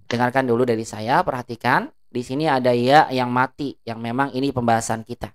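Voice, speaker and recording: Teaching an Arabic class, a woman drills each word with stretched-out long vowels, her voice low, smooth, and clear. Her tone stays steady and her delivery brisk, and she frequently pauses to ask check questions to see whether the class is following.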